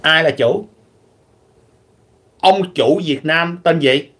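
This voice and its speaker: A man from Vietnam, talking animatedly in a casual opinionated vlog, clearing his throat often. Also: fairly high pitch, very slow, a bit bright. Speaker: vlogger.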